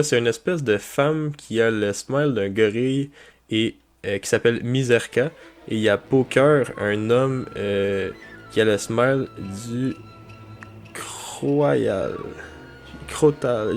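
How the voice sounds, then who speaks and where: A man's voice: mid-range voice, darkish tone. A man, tired, reacting casually to a manga chapter and thinking aloud. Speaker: manga reviewer.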